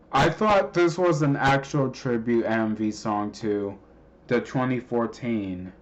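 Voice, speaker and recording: A man casually explaining a creepy cartoon clip, rambling with many pauses and restarts. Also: medium pitch, highs cut off. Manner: hesitant, many ums and restarts. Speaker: video narrator explaining a clip.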